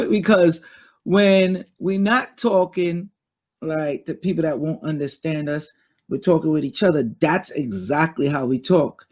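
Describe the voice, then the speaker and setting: Trini accent guy, kinda high voice, streetwise and blunt, cusses a lot, muffled lo-fi sound. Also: a little slow, a little mellow. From United States. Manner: streetwise, blunt, swears freely. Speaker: guest. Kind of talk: casual interview talk.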